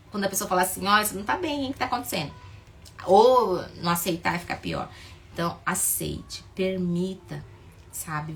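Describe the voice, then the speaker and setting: A woman's voice: lowish voice, a bit bright. A woman in her forties, a therapist with a Brazilian Portuguese accent, talking casually and emphatically and acting out the people she quotes. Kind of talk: casual motivational talk.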